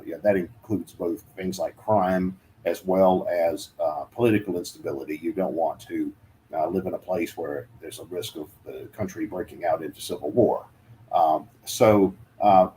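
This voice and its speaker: A man's voice: low-pitched, darkish tone, slight background noise. A man giving relocation advice in a casual chat, hesitant with many fillers and restarts. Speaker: guest, relocation adviser.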